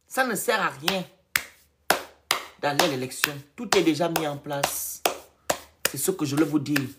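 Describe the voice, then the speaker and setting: A man hosting a live stream of political commentary, who speaks emphatically and repeats phrases in loud bursts. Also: fairly high pitch, normal speed, very noisy.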